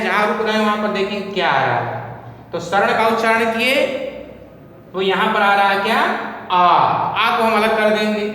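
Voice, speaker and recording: A male teacher giving a slow classroom lesson, asking the class questions and then answering them himself. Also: sits high, a bit bright, slight background noise. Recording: echoey hall, distant mic.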